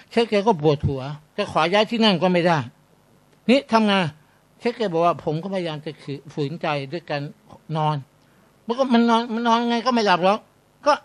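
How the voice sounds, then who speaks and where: A man preaching in a garage meeting room, telling a story with lively, animated delivery and speaking straight to his listeners. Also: high voice. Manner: animated, addresses the audience as brothers and sisters. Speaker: Islamic preacher. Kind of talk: storytelling sermon.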